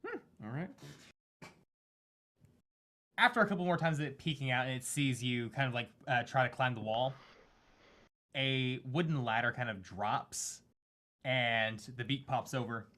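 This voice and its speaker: Guy dm narrating loosely, lots of ums, bright voice. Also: medium pitch, unhurried, long pauses. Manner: casual, rambling narration with fillers. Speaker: game master. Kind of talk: narrating a tabletop game.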